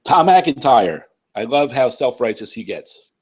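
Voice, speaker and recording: A man with a cold and a nasal voice, casually reading and bluntly answering viewer comments on his channel, clearing his throat often. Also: mid-range voice, very animated, a little slow. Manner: blunt, profane, conversational, frequent throat-clearing. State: congested, sick with a cold.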